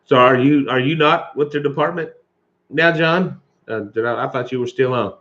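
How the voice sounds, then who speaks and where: A man with a mid-range, slightly bright voice hosts a live stream at a moderate pace, chatting loosely with viewers. He chuckles often and coughs from allergies, and the recording sounds muffled.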